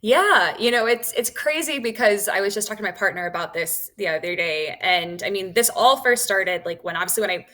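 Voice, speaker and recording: Her mid-range voice is pushed and bright, with lively intonation and a brisk pace that leaves few pauses. She's a woman in her thirties, an author guesting on a podcast, chatting candidly and enthusiastically in a casual interview full of fillers.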